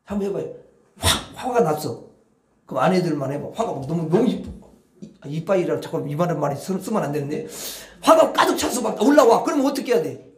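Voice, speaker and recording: A man preaching a sermon as pastor, drawing the congregation into call-and-response and swinging between hushed murmurs and loud outbursts. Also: fairly high pitch, big pitch swings, brisk. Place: church sanctuary. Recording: echoey church hall.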